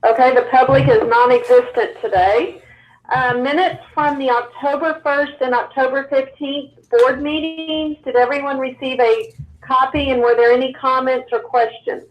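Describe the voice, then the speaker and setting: A woman, calling in over a crackly cordless phone line and briskly running a board meeting. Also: sits high, fairly even intonation, reverberant. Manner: brisk, procedural.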